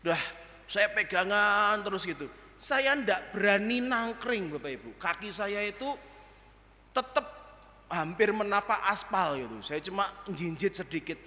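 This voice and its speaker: A man's voice: high voice, lively intonation, unhurried, bright, forceful tone. A man preaching a storytelling sermon in a church, acting out the dialogue and sound effects in with a tinge. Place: church hall. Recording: reverberant church hall.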